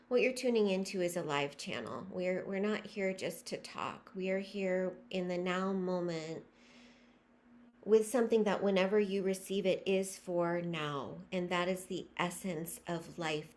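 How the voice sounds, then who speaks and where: Slow, soothing woman guiding a meditation. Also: fairly low pitch, a little mellow. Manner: slow, soothing, breathy guidance. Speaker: spiritual guide. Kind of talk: guided meditation.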